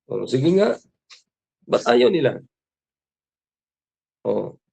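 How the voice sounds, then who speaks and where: A man's voice: medium pitch, very animated, very slow, creaky, darkish tone, slightly rough. A man with a Filipino accent preaching a morning devotion sermon, who asks his listeners question after question and quotes scripture in English. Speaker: pastor.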